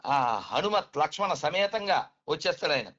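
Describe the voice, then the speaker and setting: Lecturing man, slightly high voice. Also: animated, normal speed, a bit bright. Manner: lecturing, rhetorical questions, addresses listener as "naanna". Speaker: spiritual speaker. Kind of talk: explaining conversation. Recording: dull lo-fi recording.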